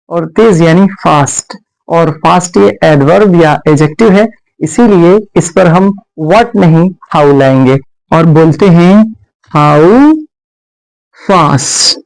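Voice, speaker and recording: High-voiced Indian man teaching grammar. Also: darkish tone, poor audio. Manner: explains step by step, repeats words slowly, often says "friends". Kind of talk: classroom grammar lesson.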